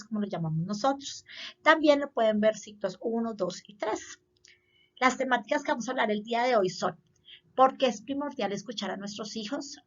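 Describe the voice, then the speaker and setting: A woman's voice: mid-range voice, fairly bright tone. Earnest woman counselor explaining. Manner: earnest, explanatory, repeats points for emphasis. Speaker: school counselor. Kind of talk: educational talk for parents. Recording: slightly dull lo-fi audio.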